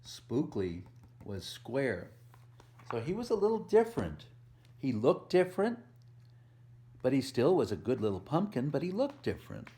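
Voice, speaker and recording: With a medium-pitched, warm voice that swoops wildly in pitch, a volunteer reader takes a moderate pace and leaves long pauses, over a slight hiss or hum. He is reading a picture book to preschoolers, emphasizing the rhymes and adding easy asides and questions for them.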